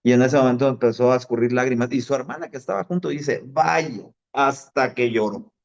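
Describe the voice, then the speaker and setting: A man's voice: mid-range voice, brisk, vocal fry, lo-fi sound. A man preaching a sermon, telling stories in a conversational way and dropping fillers. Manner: conversational storytelling with fillers like "este".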